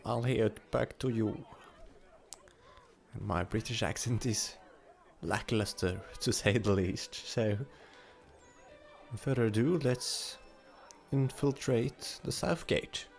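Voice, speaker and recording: A man giving relaxed, self-mocking let's-play commentary while thinking aloud. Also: on the low side, slow, creaky, long pauses, soft background music. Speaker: gameplay commentator.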